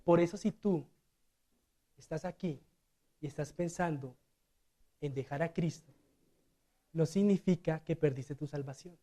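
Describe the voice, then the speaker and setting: A man preaching a sermon as a deacon in a church. He swings between loud and hushed delivery and acts out the quotes. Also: on the high side, a little slow, long pauses.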